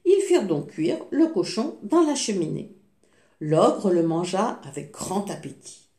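A woman reading a fairy tale aloud, slowly and expressively, with small slips. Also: mid-range voice, big pitch swings, dark tone. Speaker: storyteller. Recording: echoey room.

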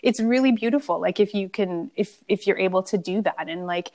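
A woman's voice: medium pitch, a little fast. A woman hosting a casual conversation, affirming her guest and often asking "right?". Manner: warm, affirming, frequent "right?".

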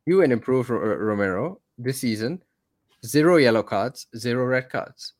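A man's voice: mid-range voice, animated, normal speed. A man co-hosting a casual fantasy football podcast, chatty and exasperated, often calling his partner "mate". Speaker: podcast co-host. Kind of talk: casual chat.

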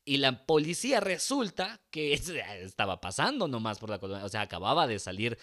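A man telling a crude, self-mocking comic story, swearing freely and acting out shouts. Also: mid-range voice, sing-song, fairly quick. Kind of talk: comic personal anecdote.

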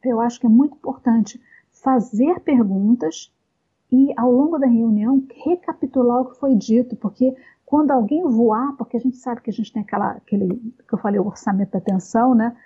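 A woman talking at length in a casual conversation, explaining points slowly with many fillers and pauses. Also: fairly high pitch, mellow, slightly rough, muffled recording. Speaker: guest speaker on communication.

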